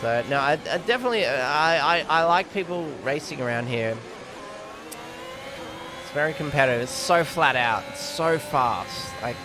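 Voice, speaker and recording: A man's voice: fairly high pitch, background noise. A man giving casual, rambling live commentary on a sim race, often correcting himself.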